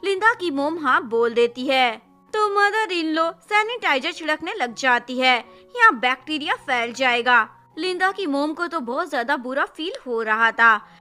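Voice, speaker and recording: A woman retells a drama plot in a brisk, plain storytelling style, mixing English words into Hindi. Her voice sits high. It sounds crisp and bright. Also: expressive, soft background music. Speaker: drama recap narrator. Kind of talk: scripted storytelling narration.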